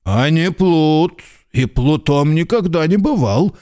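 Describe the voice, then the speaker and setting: An actor playing a stubborn, tipsy manservant in a literary radio drama, drawling slowly and repeating himself evasively. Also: male voice, fairly high pitch, lively intonation, mellow. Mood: sullen. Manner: slow, droning drawl with repeated "he says".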